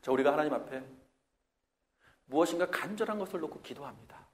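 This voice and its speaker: A Korean church pastor preaches to his congregation, his voice sitting fairly high for a man. He swings widely in pitch and drops into loud, whiny mock complaints before settling back into calmer teaching. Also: quick pace. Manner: animated preaching, acts out whiny complaints in a raised voice. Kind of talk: sermon.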